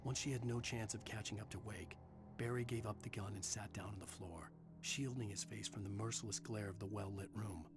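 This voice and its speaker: An actor playing a brooding male writer who narrates his own manuscript pages in a grim, measured way, with game music behind. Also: fairly low pitch, fairly even intonation, natural voice. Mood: somber. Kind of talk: scripted literary narration.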